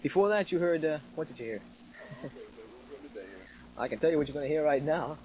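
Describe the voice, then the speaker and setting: A man's voice: a little high, animated, moderate pace, darkish tone. A man hosting a military radio show as an upbeat disc jockey, with jokey, ad-libbed, conversational banter. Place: small radio station studio. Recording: noisy 1960s radio broadcast tape.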